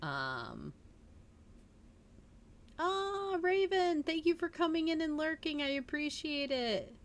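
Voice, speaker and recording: Her voice sits high and swings widely in pitch as she speaks slowly. A livestream host, she mixes casual chat with reading a story aloud, giggly and chatty throughout.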